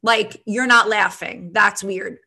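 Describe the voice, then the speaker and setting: A woman's voice: medium pitch, steady tone, slow pace, sharp tone, slightly rough. A woman, hosting a podcast as a comedian. She chats casually and says "like" often. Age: 30s. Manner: chatty, heavy use of "like".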